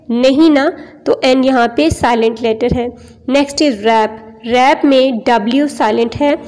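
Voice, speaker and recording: A woman's voice: sits high, darkish tone. Patient woman teaching in an echoey hall. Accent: Pakistani. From Pakistan. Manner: patient, repeats points, often adds "okay" and "see". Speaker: English teacher. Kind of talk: classroom lesson explaining in Urdu and English. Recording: long hall reverb.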